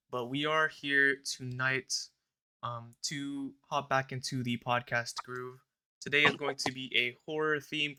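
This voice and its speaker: A young man in his twenties hosts a relaxed podcast among friends, his voice bright and clear. He talks loosely and rambles, scattering ums and uhs as he steers the chat. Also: medium pitch. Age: young adult. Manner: relaxed, rambling, filler-heavy, recites a prayer. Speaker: podcast host.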